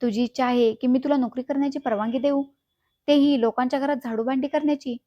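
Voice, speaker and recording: A woman's voice: sits high, steady tone, quick pace, mellow, no echo, highs cut off, natural voice. A woman reading a scornful older mother-in-law. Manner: scolding and dismissive.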